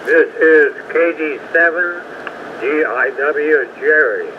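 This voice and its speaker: A man's voice: a little high, slow pace. A man checking in to a radio net over a ham radio transmission, reading out his call sign letter by letter. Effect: heard over a ham radio transmission. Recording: tinny radio line with noise.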